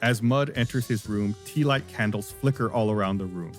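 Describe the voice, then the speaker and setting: A man's voice: on the low side, moderate pace. A man narrating as game master in a playful way, often breaking into laughter. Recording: faint music behind.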